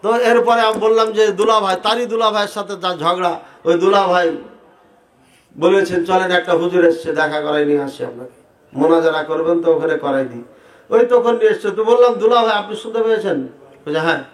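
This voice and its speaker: A man preaching to a crowd, animated and rhetorical, asking the audience questions directly. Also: sits high, fast talker. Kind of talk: sermon debating prayer practice. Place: large hall with audience. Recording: echoey hall sound.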